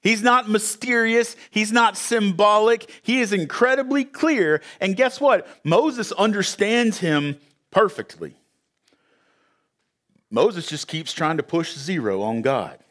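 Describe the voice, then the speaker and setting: A man preaching in a slightly higher-than-average voice. He opens with an anecdote, then builds to emphatic points, speaking conversationally to his congregation with the odd "uh". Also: expressive, slow pace, a bit bright. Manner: storytelling, emphatic, conversational with fillers. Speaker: pastor. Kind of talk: sermon. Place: church sanctuary with audience.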